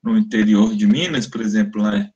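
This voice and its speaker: A man's voice: fairly low pitch, normal speed, dark tone, dull audio. Brazilian man lecturing on phonetics. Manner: explanatory, demonstrates speech sounds aloud, frequent "né?" tags. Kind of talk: academic webinar lecture.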